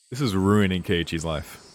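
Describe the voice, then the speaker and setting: A streamer with a low-sitting voice, slightly hissy or humming, plays through a visual novel and reads its text aloud. His let's play commentary is casual, foul-mouthed and emotionally invested.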